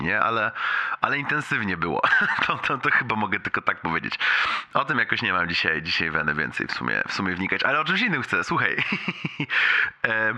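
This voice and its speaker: A man in his late twenties, medium-pitched with a sharp tone, leaves a friend a loose, rambling voice message. He's chatty and self-ironic, chuckles often, and mixes slang with bits of English.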